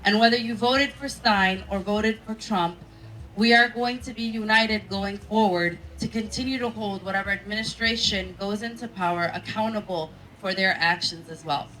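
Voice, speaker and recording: Firm, bright-voiced woman at a podium. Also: medium pitch, fairly even intonation, normal speed, a little hiss or hum, low-quality recording. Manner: firm and resolute, introducing speakers. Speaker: organizer hosting the press conference. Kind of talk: press conference statement. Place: press conference room.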